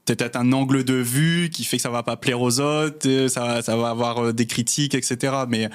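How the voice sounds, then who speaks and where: A young man talks casually as an interview guest. His voice sits at an ordinary middle pitch, and he rambles gently with fillers and easy laughs. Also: normal speed, smooth. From Réunion. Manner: relaxed, many fillers, laughs easily. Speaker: guest, cartographer.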